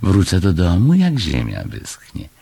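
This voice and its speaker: A man voicing a polite, calm mother cat in a children's story, speaking in a prim way. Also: deep voice, unhurried, gravelly, breathy edge, full character voice.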